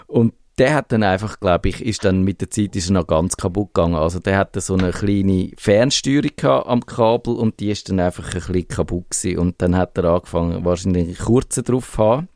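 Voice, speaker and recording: A man's voice: deep voice, a little fast, few pauses, a little mellow, dry recording, clean studio sound. A man with a Swiss German accent co-hosting a casual tech radio chat, chatty and hesitant, laughing often. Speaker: radio tech show co-host.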